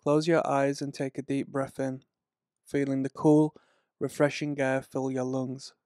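A man reading a slow, soothing guided relaxation and hypnosis script in a measured way. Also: medium pitch, level tone, darkish tone, no room sound, clean studio sound.

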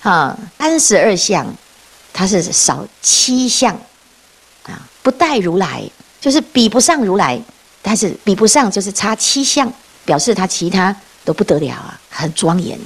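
A woman's voice: mid-range voice, a little slow, breathy edge. A woman giving a dharma talk as a Buddhist nun, telling stories with frequent laughs and rhetorical questions. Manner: lively storytelling, often laughing and asking rhetorical questions.

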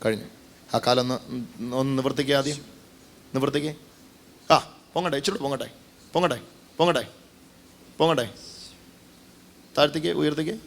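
Male preacher, high-ish voice, fervent and repetitive sermon-and-prayer delivery. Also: brisk, pauses often. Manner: fervent, emphatic, heavy repetition. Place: church gathering.

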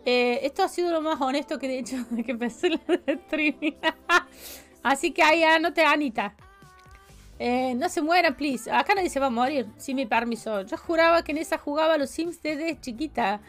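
A woman's voice: high voice, normal speed, faint music behind. A woman in her forties with a Córdoba Argentine accent, chatting playfully with her viewers while she plays a game, humming sing-song fillers. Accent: Córdoba Argentine Spanish. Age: 40s. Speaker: streamer. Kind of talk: casual live-stream chat while playing.

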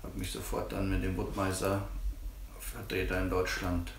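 A man in his fifties from Germany with a German accent, calmly explaining his sawmill work in a casual interview. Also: low-pitched, measured pace, vocal fry, noisy background. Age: 50s. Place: living room by a tiled stove. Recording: roomy and distant.

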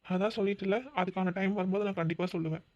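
A man's voice: sits high, steady tone, rapid-fire, darkish tone, natural voice. A man voicing a defensive, pleading young boyfriend in a cartoon, in a dull, dry, lo-fi recording. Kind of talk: cartoon voice acting.

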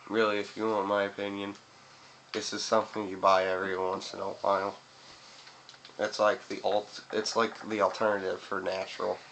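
A lowish, slightly bright male voice with vocal fry keeps a level tone at a normal speed. It belongs to a young video reviewer chatting casually to camera, rambling and swearing while chewing tobacco. The setting is a small indoor room by a window, with noisy webcam-like audio.

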